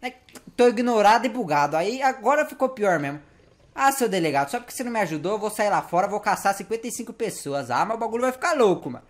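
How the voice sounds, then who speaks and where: A man giving casual gameplay commentary, slangy and playful, talking to the game's characters and getting excitable in the action. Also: high voice, fast talker. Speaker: gameplay youtuber.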